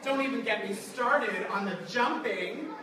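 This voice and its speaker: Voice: mid-range voice, a little slow. A drag queen reading a children's storybook aloud in a playful, theatrical way, putting questions to the young listeners. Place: large indoor room with audience of children behind. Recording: very echoey large room, distant mic, crowd.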